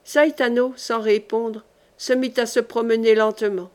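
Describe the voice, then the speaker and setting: A woman reading a historical novel aloud as an audiobook, in a calm and even manner. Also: fairly high pitch, measured pace. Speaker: audiobook reader.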